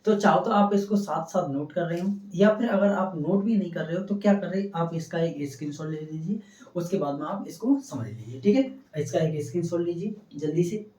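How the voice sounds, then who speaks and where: A man's voice: on the high side, animated, brisk, a little mellow. A male science teacher giving a classroom lecture, asking questions and answering them himself and repeating key terms. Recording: echoey room, distant dull mic.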